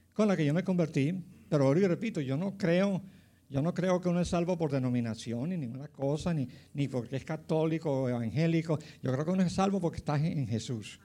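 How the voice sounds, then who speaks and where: Elderly pastor in his nineties, mellow and slightly high voice, rambling testimony. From Colombia. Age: 90s. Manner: rambling, with many fillers and asides to listeners. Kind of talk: personal testimony, casual storytelling.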